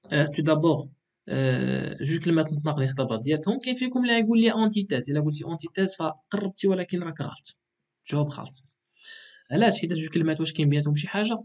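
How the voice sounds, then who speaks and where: A man's voice: fairly high pitch, darkish tone, husky. A man with a Moroccan accent teaching an exam revision lesson, explaining patiently and checking in with frequent "ok".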